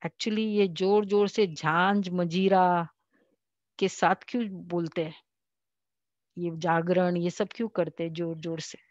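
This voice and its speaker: An Indian woman giving a devotional class, slowly reading and explaining scripture, raising her voice when she quotes. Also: on the low side, steady tone, dry recording, lo-fi sound. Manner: slow, explanatory, quotes the Father in a raised voice. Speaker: spiritual teacher.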